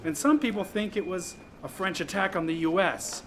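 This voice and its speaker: A man's voice: high-pitched, moderate pace, fairly bright tone, a little hiss or hum. An actor playing a man who muses about swamp animals and old mysteries. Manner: explanatory, musing.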